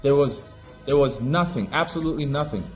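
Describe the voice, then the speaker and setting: A man from Africa delivers a passionate monologue as an online commentator, preachy and forceful, moving between loud declarations and quiet muttering. He speaks fairly quickly, with faint music in the background.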